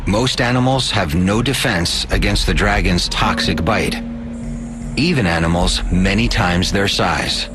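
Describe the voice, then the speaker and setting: A man's voice: sits low, a little slow, music in the background. A man reading scripted nature documentary narration with dramatic, suspenseful phrasing.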